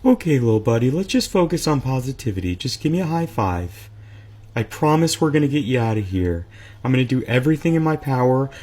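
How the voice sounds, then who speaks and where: A man's voice: mid-range voice, big pitch swings, brisk, darkish tone, slight background noise, natural voice. A man voicing an anxious, pleading pet in a funny animal clip. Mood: nervous. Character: nervous jittery pet pleading.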